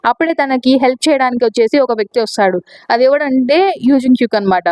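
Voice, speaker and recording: A woman with a Telugu accent talks through a comic story at a fast clip, retelling each character's words in her own casual voice and slipping English words in. Her voice sits high, and the sound is dry and close. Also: darkish tone, no echo, rough recording. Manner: quick, chatty retelling with English words mixed in. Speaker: manhwa recap narrator. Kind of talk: casual spoken recap narration.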